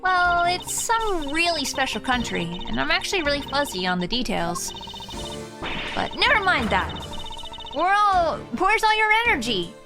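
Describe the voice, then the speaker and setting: Woman playing an excitable, bossy young thief girl, high-pitched. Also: normal speed, music in the background. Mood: eager. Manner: brash, emphatic, pushy. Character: excitable, bossy, energetic young female self-styled thief in a game.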